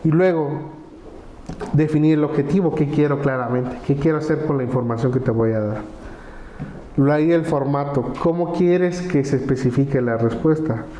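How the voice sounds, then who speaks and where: A man presenting a conversational webinar, explaining step by step and running through lists of examples, often ending with a quick tag question. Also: on the high side, mellow, reverberant, a little hiss or hum.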